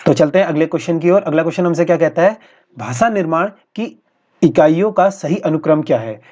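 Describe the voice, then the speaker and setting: Mellow-voiced man teaching exam prep. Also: on the high side, brisk. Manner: steady and explanatory, often repeating the answer and adding "okay". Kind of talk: explaining practice exam answers. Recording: dull lo-fi recording.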